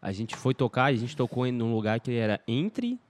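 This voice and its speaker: A Brazilian man, a DJ on a podcast, telling a rambling, animated story in casual chat. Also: mid-range voice, moderate pace, a little hiss or hum. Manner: rambling, animated, piles up filler phrases. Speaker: DJ guest on a podcast.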